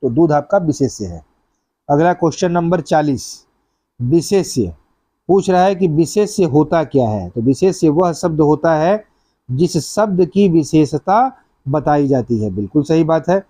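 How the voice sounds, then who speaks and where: A man's voice: a little high, expressive, measured pace, dark tone, husky, no room sound. A man teaching an exam-prep class, going through practice questions step by step and repeating each answer.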